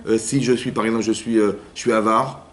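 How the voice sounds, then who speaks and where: A man, a rabbi, giving a Torah lesson in a lively way, acting out little inner dialogues and often checking that his listeners have understood. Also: fairly low pitch, a little fast, slight background noise. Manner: lively, acts out inner voices, keeps asking "vous avez compris?". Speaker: rabbi teaching a class.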